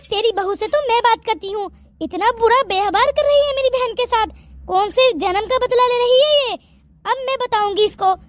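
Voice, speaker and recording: A voice actor playing a bossy, nosy older aunt in a Hindi cartoon story, scolding and quick to take sides. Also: extremely high pitch, no echo.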